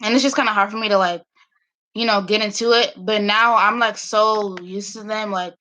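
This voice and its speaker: A woman's voice: mid-range voice, steady tone, normal speed, bright, forceful tone. A young woman talking as a guest in casual chat, hesitant and full of fillers. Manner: hesitant, lots of likes.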